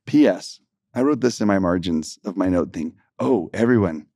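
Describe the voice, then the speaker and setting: A man from Texas with a gravelly, creaky edge to his voice, hosting a faith podcast in a lively, joking way. He laughs often between stories, and the sound is close and dry with no room around it. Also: low voice, normal speed, no echo. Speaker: podcast co-host. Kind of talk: casual gospel podcast chat.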